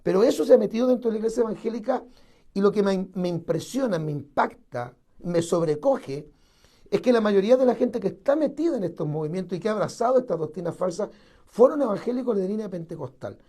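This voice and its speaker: A man's voice: sits high, animated, quick pace, dark tone. A man preaching a sermon, emphatic and repetitive, piling up strong words. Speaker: pastor.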